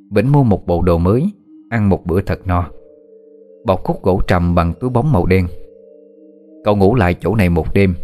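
A man narrating a dramatic story in a steady, measured storytelling manner. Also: low voice.

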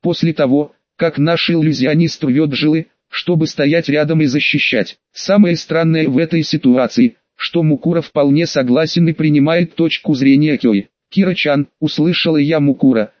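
A man reading an audiobook aloud as narrator, telling a first-person story in a woman's voice in steady scripted narration. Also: a little high, dry recording, highs cut off.

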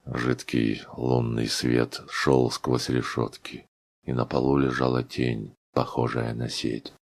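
A man reading a literary audiobook in a slow, somber storytelling manner. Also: a bass voice, flat delivery, vocal fry. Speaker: audiobook reader.

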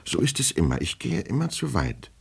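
A man's voice: lowish voice, wildly swooping pitch, fairly quick, vocal fry, husky, pitched above the performer's own voice, full character voice. A man reading a fretful, fussy middle-aged clerk who speaks mildly and mutters to himself. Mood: fretful muttering. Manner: mild, coaxing, then muttering to himself.

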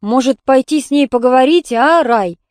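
A woman reading the part of a crude, hard-drinking neighbor man who swears in a slow drawl. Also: high-pitched, darkish tone, dry recording, clean studio sound, natural voice. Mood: coarse.

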